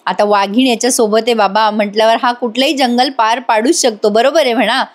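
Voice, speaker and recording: High-voiced woman doing a chatty serial review, talks right to the viewers. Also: steady tone, a little fast. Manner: chatty, addresses viewers directly. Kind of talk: casual voice-over episode review.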